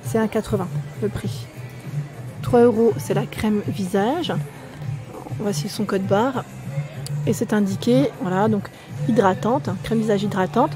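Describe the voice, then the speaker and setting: A woman with a French accent chatting casually as she walks a shop aisle, reading out labels and prices and asking viewers questions. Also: on the high side. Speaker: shopping haul vlogger. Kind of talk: casual store walkthrough. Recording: music playing behind.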